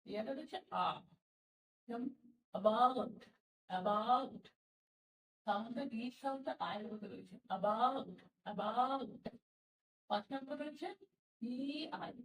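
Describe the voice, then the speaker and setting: A Bengali-speaking woman teaching English pronunciation, slowly repeating each sound and example word. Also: a little high, far from the mic. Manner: slow, patient, repeats sounds and example words. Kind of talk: spoken language lesson. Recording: roomy echo from away from the mic.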